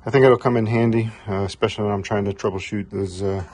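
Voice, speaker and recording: This is a casual workshop demo: a middle-aged HVAC technician, standing behind the camera and recorded on its mic, presents a homemade test tool at his indoor garage workbench. His fairly low voice moves quickly, relaxed and rambling, heavy with fillers.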